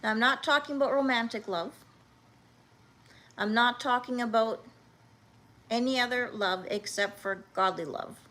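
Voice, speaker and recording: A woman in her fifties hosting a livestream, talking earnestly and haltingly, with many restarts, as she answers viewers' comments. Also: a little high, bright, forceful tone. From Canada. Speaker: livestream host.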